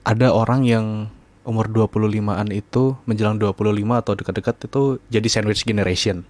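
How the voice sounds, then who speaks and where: A man's voice: on the low side, steady tone, a little fast, darkish tone. A man in his twenties hosting a podcast, chatting casually late at night in a laid-back, slangy way. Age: 20s. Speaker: podcast host.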